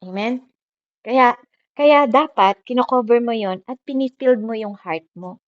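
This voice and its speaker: A woman preacher giving a lively, conversational sermon and peppering her talk with tag questions to the listeners. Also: on the high side, unhurried. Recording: dull lo-fi recording.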